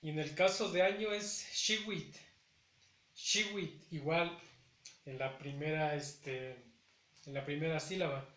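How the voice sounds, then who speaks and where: A man's voice: on the high side, measured pace, fairly bright tone, echoey room. A man teaching a language lesson, carefully repeating each word with hesitant fillers between phrases. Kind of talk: slow spoken language lesson.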